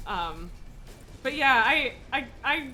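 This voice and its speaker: Bright-voiced, rambling woman streamer. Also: high-pitched, animated, slow pace, faint music behind. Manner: rambling, thinking aloud, jumping between thoughts; self-mocking, giggly, informal. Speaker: video game streamer, host. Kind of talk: casual gameplay livestream chat.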